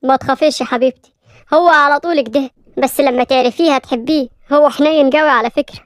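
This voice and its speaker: A woman doing a kindly Egyptian father who comforts a little girl and scolds his son firmly. The voice is high and quick, close and dry, in a cartoon storybook. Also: dry recording, close to an everyday voice. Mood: gentle. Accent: Egyptian Arabic. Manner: soothing, affectionate. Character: kind wealthy father, gentle and firm.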